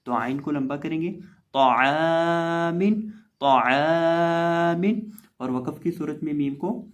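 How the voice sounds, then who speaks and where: A man with a fairly high voice gives a recorded lesson on Quran reading. He explains the rules patiently and repeats each word slowly, drawing out the recited syllables. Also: darkish tone. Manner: patient, repetitive, spelling out letters and drawn-out recitation.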